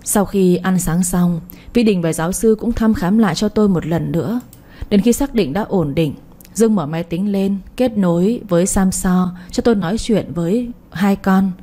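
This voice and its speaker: A woman reading a late-night romance story in the first person, soft and emotional. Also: medium pitch, moderate pace. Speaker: audiobook storyteller.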